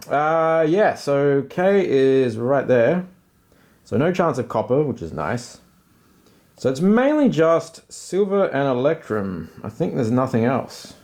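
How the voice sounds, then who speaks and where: A man talks through his solo tabletop game in a casual, informal way. His voice sits at a medium pitch, and he drops in slangy, self-deprecating remarks as he goes. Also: a little mellow.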